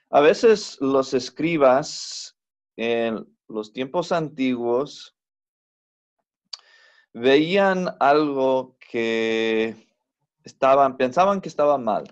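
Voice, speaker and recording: A man teaching a Biblical Hebrew class, explaining slowly and patiently with many fillers and self-corrections. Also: mid-range voice. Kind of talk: recorded online class lecture.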